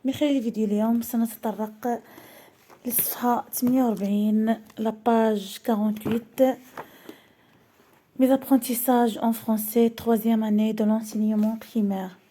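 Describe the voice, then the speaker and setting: A woman's voice: fairly high pitch, steady tone, warm tone, slight background noise. A young woman teacher with a Moroccan accent, reading out a primary school French lesson word by word and explaining in Darija. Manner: slow, careful syllable-by-syllable reading, switching between French and Darija.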